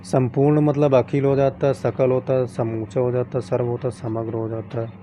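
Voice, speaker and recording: A man's voice: medium pitch, level tone, moderate pace, warm tone, slight background noise. A man teaching an exam-prep lesson, rattling off long lists of synonyms in set phrases and reminding students what to memorise.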